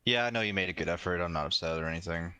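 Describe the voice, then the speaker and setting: A man's voice: low voice, very fast, sharp tone, clean tone. A man playing a defense lawyer, talking bluntly and chattily with some swearing. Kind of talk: in-character roleplay chat.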